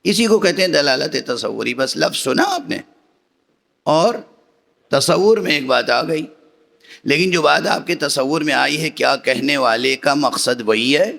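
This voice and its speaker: A man's voice: on the high side, animated, gravelly, fairly bright tone. A man, a religious scholar, delivering a Muharram majlis sermon in a teacherly way, explaining each point step by step and checking in with the audience through rhetorical questions.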